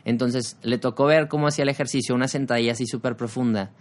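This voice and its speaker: A young man with a Mexican accent, hosting a relaxed motivational podcast in a casual, slangy way, often tagging his points with a questioning aside. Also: medium pitch, fast. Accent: Mexican Spanish. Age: young adult. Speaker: podcast host.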